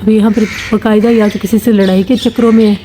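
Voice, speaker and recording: A woman's voice: mid-range voice, level tone, fast, music in the background. A woman family vlogger from Pakistan giving amused, chatty live commentary while filming birds outdoors.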